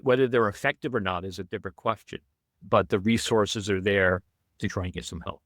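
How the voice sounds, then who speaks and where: An American man in his sixties, a municipal manager speaking in a measured, deliberate way in a roundtable discussion. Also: lowish voice, a bit bright, no echo. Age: 60s.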